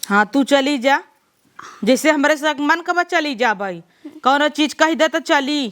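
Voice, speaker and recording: A woman's voice: high-pitched, expressive, slow pace, fairly bright tone, full character voice. A woman with an Awadhi accent playing a jealous sister-in-law who grumbles sarcastically in a comedy sketch. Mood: grumbling.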